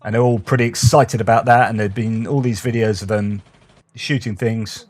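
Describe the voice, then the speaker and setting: A man's voice: lowish voice, fairly even intonation, moderate pace, a little mellow. A man giving casual commentary on war news, reading out quotes and asking rhetorical questions.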